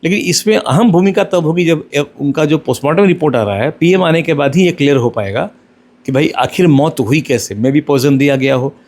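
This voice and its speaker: A middle-aged male lawyer answers interview questions, explaining things step by step in a measured way and mixing in English legal terms. His voice is fairly high-pitched with a darkish tone.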